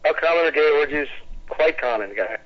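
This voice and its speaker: A man heard over a speakerphone, hurried and brushing off questions on a muffled phone line. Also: a little high, animated. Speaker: caller.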